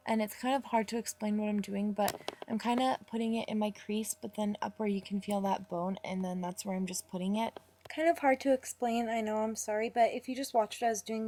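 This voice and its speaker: A young makeup vlogger talks casually through her routine in a voice-over, chatty and rambling, with fillers and quick apologies. Her voice is mid-range with a dark tone.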